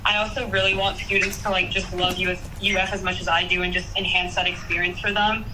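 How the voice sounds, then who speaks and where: A woman's voice: fairly low pitch, little pitch movement, fast. Young woman on speakerphone, casual and eager. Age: young adult. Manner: casual, eager, many fillers like "like" and "um". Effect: heard over a speakerphone call. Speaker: student applicant. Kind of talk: phone interview answers. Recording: distant speakerphone with clear background noise.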